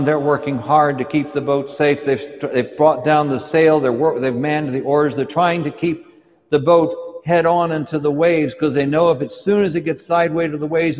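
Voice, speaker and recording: A man preaches in the second person, walking the listener through a scripture story as if they were there. His voice sits a little high for a man. The sound rings with the long reverb of a large hall. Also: fairly even intonation, normal speed, darkish tone. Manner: vivid second-person retelling, drawing the listener into the scene. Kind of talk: dramatic sermon storytelling.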